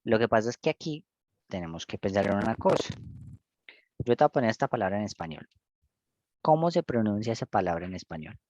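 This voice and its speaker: A man's voice: fairly low pitch, big pitch swings, fairly quick, long pauses, a little mellow, no echo. Man, English teacher, patient step-by-step explaining, lo-fi, dry. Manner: patient, explains step by step with frequent checks like "¿cierto?" and "listo". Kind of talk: one-on-one online English lesson.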